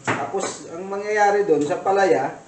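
A man's voice: high voice, measured pace, reverberant, recorded from a distance, noisy background. A man from the Philippines who vlogs about cooking, telling a rambling story in a casual chat while he cooks in a kitchen. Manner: rambling storytelling with many fillers. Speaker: cooking vlogger.

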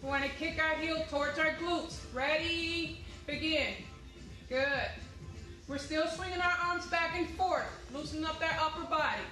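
A young woman, an aerobics instructor, leads a fitness class with short motivational cues and counts in a medium-sized indoor activity room with a hard floor. Her high-pitched voice comes at a normal speed with a sharp tone, and the room echoes with faint music behind her. A camera or phone a few steps away makes for a low-quality recording.

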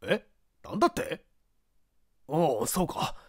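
Woman doing a calm, kindly gentleman. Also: low voice, slightly rough, no room sound, clean studio sound, pitched below the performer's own voice, full character voice. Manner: measured, gently inquiring.

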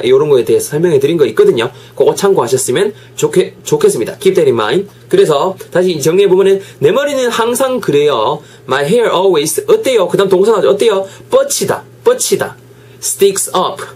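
Young male English tutor, slightly high voice, drills each phrase slowly. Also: breathy edge. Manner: lively, slows right down to drill English phrases. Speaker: English teacher. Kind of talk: video English lesson.

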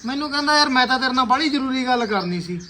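A man's voice: very high voice, lively intonation, racing, sharp tone, slight background noise, heavily acted. An actor playing a hot-tempered young village man who curses and angrily retells a conversation in a rural family drama. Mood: indignant retelling. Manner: angry, cursing, retells a conversation at length.

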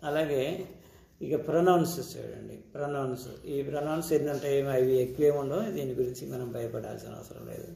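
A man's voice: mid-range voice, a little fast, gravelly, mellow, reverberant. A man with a Telugu accent teaching English grammar step by step, checking in with his students as he goes. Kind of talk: classroom-style grammar lesson.

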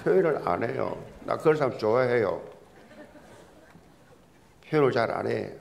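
A pastor preaching a Sunday sermon in a church, telling folksy jokes as he goes. His voice is gravelly with a strong rasp, and his pitch swings widely from high to low. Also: lively intonation, moderate pace. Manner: folksy, joking storyteller. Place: church sanctuary.

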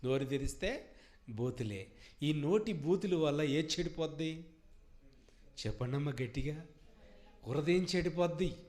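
A man's voice: on the high side, lively intonation, measured pace, pauses often. A man with an Andhra Telugu accent preaching a sermon at an all-night prayer meeting, repeating phrases and calling for answers from the congregation. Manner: emphatic preaching, swings from soft to loud. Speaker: pastor.

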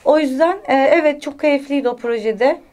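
A woman in her thirties chats easily as a talk show guest. Her high voice is giggly and animated, often breaking into laughs. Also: moderate pace. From Bulgaria, raised in Aydın. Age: 30s. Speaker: actress guest. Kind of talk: casual talk show chat.

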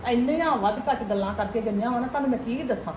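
A woman playing a sharp-tongued, defiant middle-aged mother-in-law who scolds loudly and sarcastically. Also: on the high side, fast talker, echoey room, a little hiss or hum, natural voice. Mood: complaining. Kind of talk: acted family drama.

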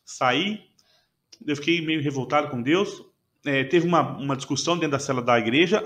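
A man's voice: medium pitch, fairly bright tone. A man, a podcast guest, earnestly retelling a personal testimony with emotion and frequent restarts.

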